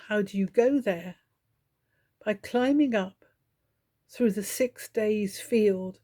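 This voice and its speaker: A woman hosting her own channel, reading poems aloud slowly and meditatively, soft-spoken with gentle pauses. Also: fairly high pitch. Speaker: poetry reader and channel host. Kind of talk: slow, meditative poetry recitation.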